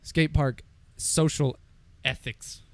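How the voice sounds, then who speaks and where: A man's voice: a little high, fairly even intonation, slow. A young American man co-hosting a podcast in casual banter, with a wry, self-deprecating bro way of talking. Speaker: podcast co-host.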